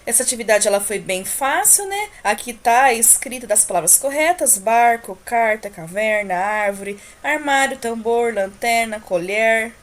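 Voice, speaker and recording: A Brazilian woman teacher going over homework corrections for young children, asking questions and answering them herself and drawing out example words slowly. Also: fairly high pitch, animated. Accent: Brazilian Portuguese. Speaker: primary school teacher.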